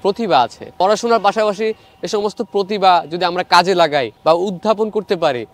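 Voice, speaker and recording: A man's voice: high-pitched, quick pace. A young man from Bangladesh speaking earnestly about his mimicry and life. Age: young adult. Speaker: interviewee, mimicry artist. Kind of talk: reflective talking to camera.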